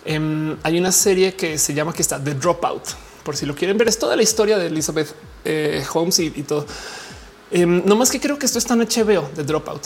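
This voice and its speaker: Talking to her viewers in a low voice, this Mexican-accented woman rambles casually, using slang and lots of fillers. Her intonation is lively and she speaks a little fast.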